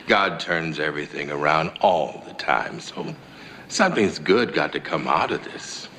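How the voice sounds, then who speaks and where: A man playing a calm, grave angel mentor in a TV drama, measured and gently firm. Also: very deep voice, exaggerated voice. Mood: reassuring. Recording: faint background noise.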